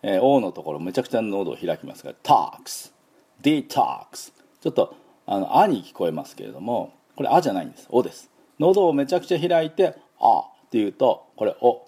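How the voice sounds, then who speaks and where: A man's voice: lowish voice, big pitch swings, fast talker, warm tone, slightly rough. A middle-aged man giving a casual spoken pronunciation lesson, chatty and full of fillers, repeating sounds for the listener to copy. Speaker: English pronunciation teacher.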